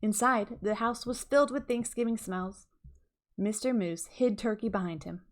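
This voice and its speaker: A woman reading a scripted children's story aloud as an expressive audiobook narrator. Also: mid-range voice, normal speed.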